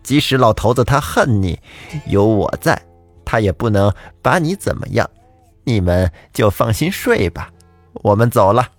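A bossy, mocking fox spirit wife, as a male storyteller puts her on, loud and scornful with a lively, swooping pitch. Her taunts come in a storybook telling with faint music underneath. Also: a little slow, full character voice. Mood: commanding.

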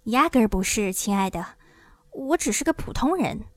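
A woman voicing a timid little old man who pretends to be a great wizard, speaking in a hushed, pleading way. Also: fairly high pitch, lively intonation, moderate pace, no room sound, studio quality.

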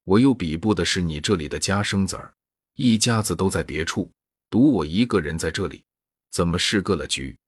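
Young maid, gentle but sharp-tongued, read by a man, low and husky. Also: animated, moderate pace, dry recording, studio quality. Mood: reproachful.

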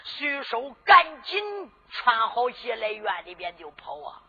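A woman telling a traditional tale dramatically, rising to shouts, on a dull lo-fi recording. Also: on the high side, very animated, takes it slowly, slightly rough. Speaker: storyteller. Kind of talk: traditional sung-spoken storytelling.

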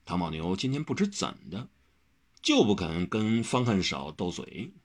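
A man narrating a martial-arts novel aloud in an expressive storyteller's manner. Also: deep voice, a little slow. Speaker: audiobook narrator. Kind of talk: novel reading.

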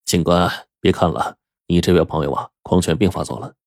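A man voicing a calm middle-aged male doctor who explains things slowly and gravely. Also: no echo, clean studio sound. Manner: low, measured, sighing.

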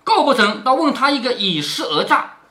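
A man voicing a sharp-tongued, domineering young noblewoman in a storybook reading, scolding and imperious. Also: extremely high pitch, sing-song, moderate pace, pitched above the performer's own voice, heavily acted. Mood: defiant.

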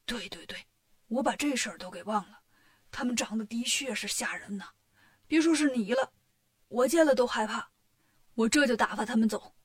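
A woman's voice: fairly high pitch, moderate pace, pauses often, lightly acted. Woman voicing an old doting king. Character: old king, fond fretful father.

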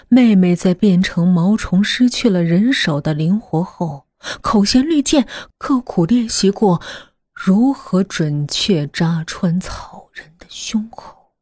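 A woman narrating a horror story in a hushed voice that often drops to a half-whisper. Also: mid-range voice, breathy edge, no echo, clean studio sound.

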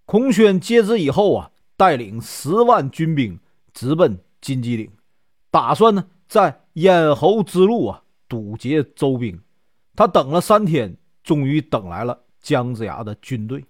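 A man's voice: on the high side, very animated, dry recording. Give me a man casually narrating a classic legend in a chatty way, in a dry, close recording. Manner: chatty, lots of drawn-out filler particles. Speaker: storyteller.

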